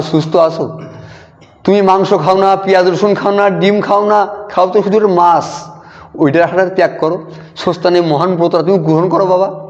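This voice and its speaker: A man telling a personal devotional story in a lively way, quoting conversations and repeating lines for emphasis. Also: fairly high pitch. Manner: animated retelling, quotes dialogue with emphatic repetition. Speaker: devotee sharing a testimony. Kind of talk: storytelling testimony. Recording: dull audio in a long-reverb hall.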